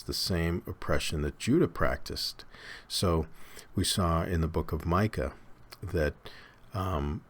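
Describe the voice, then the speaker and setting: A man with an extremely low voice gives a Bible study lecture. He talks at an easy, conversational pace, pausing with fillers and restarting phrases as he explains. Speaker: Bible teacher.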